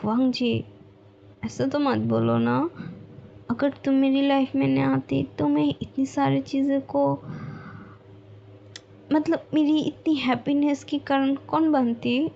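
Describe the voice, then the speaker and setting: A woman's voice: fairly even intonation, takes it slowly, vocal fry, pauses often, dark tone, lo-fi sound, a little hiss or hum, exaggerated voice. A woman voicing a young gangster boss who stammers and gets flustered easily, in a Hindi storybook retelling. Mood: tender. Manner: stammering, high-strung delivery.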